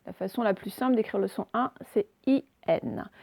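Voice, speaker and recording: A woman teaching a recorded phonics lesson to young pupils, slowly and carefully pronouncing example words. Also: mid-range voice, gravelly, dark tone, husky, no echo. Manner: slow, carefully articulated words for dictation. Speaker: primary school teacher.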